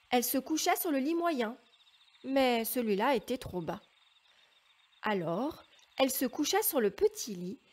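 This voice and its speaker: A woman narrates a children's fairy tale at a gentle, unhurried pace. Her voice sits fairly high, and she shapes each line with storyteller expression.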